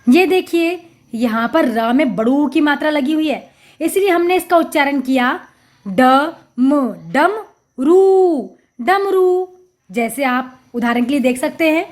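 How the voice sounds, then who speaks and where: A woman teaching a Hindi lesson to young children, sounding out syllables slowly and patiently, repeating each word with emphasis. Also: high-pitched. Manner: addresses children directly, patient explaining. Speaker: primary school Hindi teacher.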